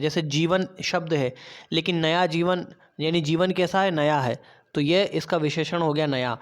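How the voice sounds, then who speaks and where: A man teaching an online class, working step by step through textbook questions with fillers and restarts. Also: fairly high pitch. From India.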